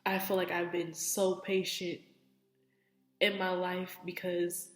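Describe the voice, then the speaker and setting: A young woman, close to tears, talks through her faith in a rambling, heartfelt way, leaning on "like" and "you know". Her voice sits a little low. The room around her is echoey, with a long reverb tail. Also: little pitch movement, takes it slowly, faint music behind. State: teary, on the verge of crying. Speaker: faith vlogger. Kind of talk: emotional personal testimony.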